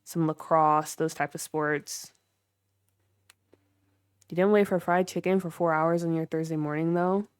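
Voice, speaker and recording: A woman's voice: sits low, fairly even intonation, unhurried, pauses often, smooth, dry recording, studio quality. A young woman livestreaming, giving a chatty, filler-heavy tour of her game build and chatting with viewers. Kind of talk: casual livestream commentary while building in a game.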